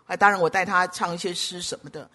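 A pastor preaching a sermon, emphatic and full of rhetorical questions, swinging between loud urging and hushed asides. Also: mid-range voice, steady tone, quick pace.

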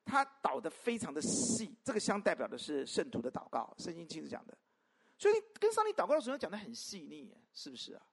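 A pastor preaching a sermon to a congregation, peppering it with rhetorical questions and swinging between loud emphatic calls and soft asides. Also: medium pitch, husky. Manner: animated, constant rhetorical questions to the listeners.

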